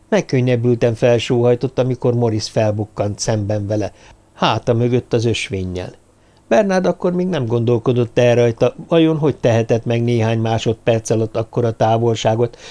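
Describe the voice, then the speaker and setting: A man's voice: mid-range voice, mellow. Man narrating an audiobook. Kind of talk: scripted narration.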